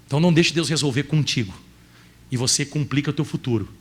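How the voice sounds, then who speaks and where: A man with a Brazilian Portuguese accent preaching a sermon as pastor, emotional, rising at times to loud cries. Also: mid-range voice, quick pace, husky.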